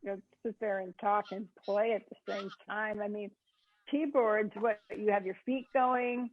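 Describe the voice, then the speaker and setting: A woman's voice: medium pitch, fairly even intonation, moderate pace, a little hiss or hum. Woman interviewer over a tinny line. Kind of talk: casual interview chat. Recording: tinny phone-line audio.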